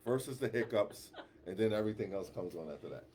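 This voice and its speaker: A man co-hosting a casual radio talk show, animated and slangy, laughing often and repeating himself. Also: lowish voice, quick pace, a little hiss or hum.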